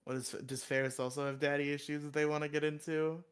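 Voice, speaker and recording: A man's voice: fairly high pitch, fast talker, smooth. A man co-hosting a casual podcast chat, joking, swearing and laughing a lot, his voice leaping up when he gets worked up. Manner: laughs often, jokey and profane, voice jumps up when excited. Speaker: podcast co-host.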